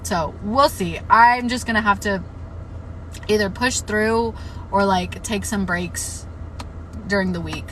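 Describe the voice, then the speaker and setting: On her live stream, a young book streamer chats casually and frankly about books, cursing freely and packing her talk with "like." Her mid-range voice is bright and edgy yet a bit hoarse, and she speaks slowly with long pauses. The recording is rough, with a faint noise running beneath it.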